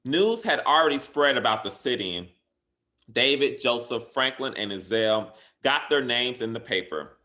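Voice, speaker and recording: Reading a children's picture book aloud, a man speaks slowly and deliberately in a bright, forceful, mid-pitched voice. He stresses key words for drama and sounds animated, much like a teacher reading to young students.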